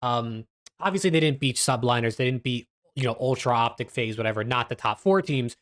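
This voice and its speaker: A man's voice: mid-range voice, lively intonation, a little fast, a bit bright. A man giving casual esports analysis as host of a recap video, speaking a little constrained with stitches in his mouth after dental surgery. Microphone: webcam video setup.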